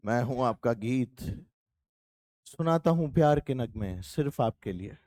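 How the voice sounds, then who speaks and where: A man voicing a smooth late-night male radio jockey, crooning slowly and deeply. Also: lively intonation, darkish tone, no room sound, clean studio sound, lightly acted. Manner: slow, deep, crooning delivery.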